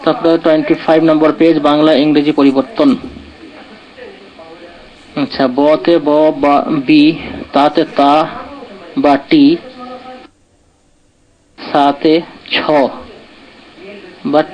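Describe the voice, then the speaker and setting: A man with a slightly raised voice teaches a pronunciation lesson. He breaks letters into slow, careful syllables and keeps checking that the class is following, asking "right?" again and again. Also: a little high, little pitch movement, darkish tone, low-quality recording. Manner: explains patiently, checks understanding with repeated "right?"; sounds out letters slowly, syllable by syllable. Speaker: Quran recitation teacher.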